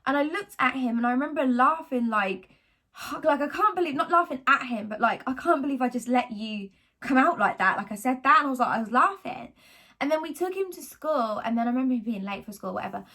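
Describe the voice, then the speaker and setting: A woman, talking casually to camera about her faith in a rambling, animated way. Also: high-pitched, brisk. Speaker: vlogger sharing faith testimony.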